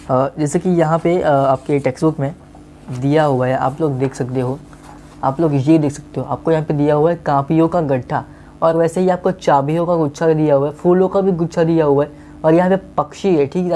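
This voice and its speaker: A man's voice: fairly high pitch, mellow, slight background noise. A male teacher gives a casual online maths lesson, coaxing his students and often checking that they have understood.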